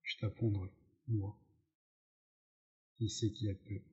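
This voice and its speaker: A man's voice: on the low side, little pitch movement, takes it slowly, warm tone. A man reading the lines of an angry, pugnacious young man who taunts and picks a fight, in a dull lo-fi recording. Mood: taunting.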